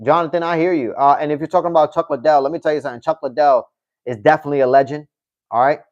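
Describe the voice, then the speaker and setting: A man hosts a casual livestream, reading viewer comments aloud and answering them loosely and chattily, often tacking on "you know what I mean." His voice is on the high side and a little mellow, with fairly even intonation and a very fast pace, and the audio is dull.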